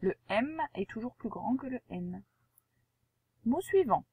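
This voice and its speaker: Slow, careful woman teaching spelling. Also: a little high, expressive, dark tone, a little hiss or hum. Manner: slow, careful articulation, spelling out letters and stretching words; patient, addresses the pupil directly with questions. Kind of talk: spelling lesson with dictation for a young pupil.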